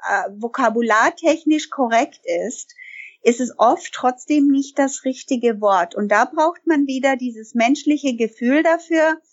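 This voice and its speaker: The audio is dull, and her high voice moves at an unhurried pace. She's a language-school owner raised speaking both German and English, replying to interview questions with emphasis and repeatedly revising her sentences as she speaks.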